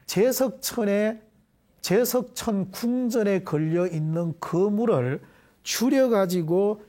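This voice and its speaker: A middle-aged man leading a Buddhist prayer and explaining scripture terms to a class in a deliberate, measured way. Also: high-pitched, warm tone. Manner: deliberate, measured, leads call-and-response repetition. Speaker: Buddhist dharma teacher. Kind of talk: devotional prayer and explanatory dharma lecture.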